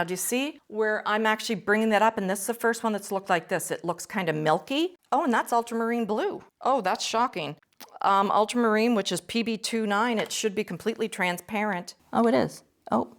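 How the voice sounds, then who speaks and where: A woman hosting an art channel, a teacher reviewing watercolors in a casual vlog, full of excited exclamations. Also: medium pitch. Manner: enthusiastic, gushing exclamations.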